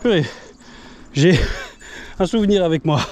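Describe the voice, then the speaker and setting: A man's voice: sits high, expressive, normal speed, a little mellow. A man chatting to camera while riding outdoors, grumbling and swearing in exasperation as he comments on his ride. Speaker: mountain biker vlogger. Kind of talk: self-filmed ride commentary, casual chat. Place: outdoors on a trail, riding a bike. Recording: noisy outdoor ride recording.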